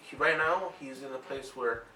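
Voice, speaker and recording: A man's voice: medium pitch, moderate pace, sharp tone. A man co-hosting an anime reaction, thinking aloud and speculating in casual group discussion. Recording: roomy echo, mic at a distance.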